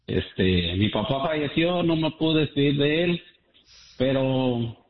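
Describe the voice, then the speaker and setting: A man's voice: medium pitch, animated, takes it slowly. A man from Guatemala calling in to a radio show, speaking earnestly and gratefully with many hesitations. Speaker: caller. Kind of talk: call-in radio chat. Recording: echoey tinny phone line.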